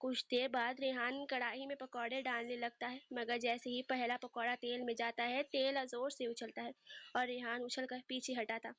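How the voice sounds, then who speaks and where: A woman narrating an audio novel in a steady storytelling manner. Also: on the high side, moderate pace, no room sound. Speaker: novel reader. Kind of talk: scripted narration.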